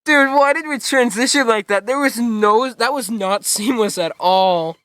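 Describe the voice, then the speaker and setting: A man's voice: extremely high pitch, unhurried, fairly bright tone, dry recording. A young man chatting casually while reacting to an old video, rambling, correcting himself mid-sentence and laughing often. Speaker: channel host.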